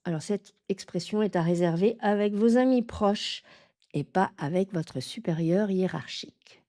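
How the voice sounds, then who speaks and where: A woman teaching French pronunciation, saying model sentences slowly and carefully, from the south of France. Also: medium pitch, mellow.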